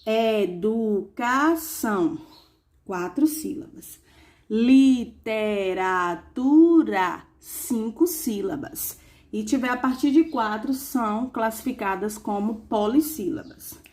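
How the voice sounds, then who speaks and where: A woman teacher reviewing a lesson for young pupils, saying examples slowly and asking rhetorical questions. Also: fairly high pitch, darkish tone. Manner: slow, clearly spelled-out examples with rhetorical questions.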